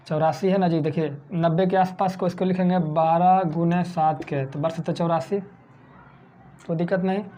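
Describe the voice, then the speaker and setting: A man's voice: high-pitched, warm tone, a little hiss or hum. A man from India teaching a math lesson for exam prep, who keeps asking his own questions and answering them.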